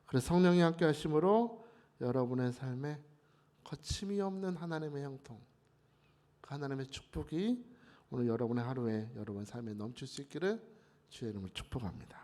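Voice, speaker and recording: A man preaching a sermon at a dawn prayer meeting, emphatic, with sudden louder rises. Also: mid-range voice, fairly quick.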